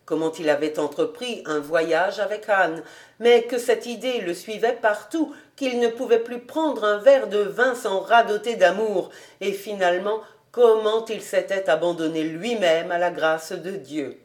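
Slow, calm woman narrating a novel. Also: medium pitch. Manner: measured, calm storytelling. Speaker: audiobook reader. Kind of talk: scripted narration of a classic novel.

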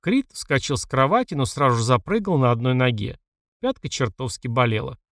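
Male audiobook narrator, wry first-person reading, middle pitch, dead-dry booth. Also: expressive, a little fast, fairly bright tone, no echo.

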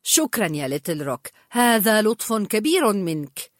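A friendly young man from a storybook, reassuring and good-humored with his friends. A woman voices him with lively rises and falls in pitch. The recording is dry and close. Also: normal speed, dry recording, natural voice.

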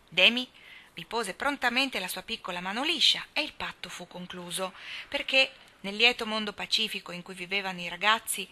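A woman reading a classic children's novel aloud, steady and measured in her storytelling. Her voice is very bright and clear, at a middle pitch. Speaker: audiobook reader.

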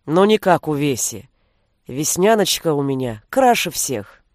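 A reader putting on a drunk young warrior with a low, slurred drawl. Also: male voice, big pitch swings, unhurried, no room sound, studio quality. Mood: fond. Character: drunk young male warrior, clumsy and reproachful.

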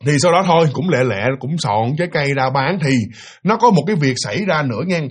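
A man's voice: fairly high pitch, husky. A man with a Southern Vietnamese accent telling a ghost story in a chatty, repetitive way with asides to the listener. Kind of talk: casual spoken ghost story.

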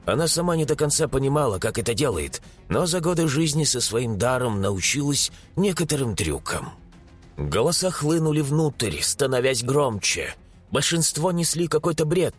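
A man narrates with animated, dramatic delivery. His husky voice moves a lot in pitch. The sound is dry and close, with faint music behind. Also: no echo. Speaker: audiobook narrator. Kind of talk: expressive audiobook narration.

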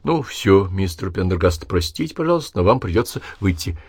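A man's voice: low voice, sing-song, fairly quick, darkish tone, breathy edge, no room sound, full character voice. A man reading an audiobook, voicing a stern male hospital doctor who gives curt, commanding orders. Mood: worried.

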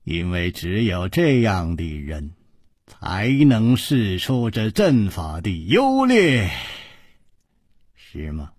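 A man voicing a courteous, scheming young male nobleman in a storybook tale, speaking in a hushed, sighing way. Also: on the low side, huge pitch swings, slow pace, slightly rough, no room sound, studio quality, pitched below the performer's own voice, full character voice. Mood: sly.

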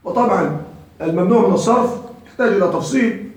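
A man's voice: sits high, fast. A man teaching a classroom grammar lesson, quizzing his students and repeating their answers. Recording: very echoey room, voice from far off.

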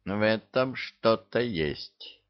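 A short-tempered devil in charge, hissing and barking at his underlings, as a man performs him in an audiobook. He bosses people around in measured, deliberate phrases. The sound is slightly dull and muffled. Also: low-pitched, animated. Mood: grumbling, bossy. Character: irritable male devil boss, hissing and snapping. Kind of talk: audiobook character voice.

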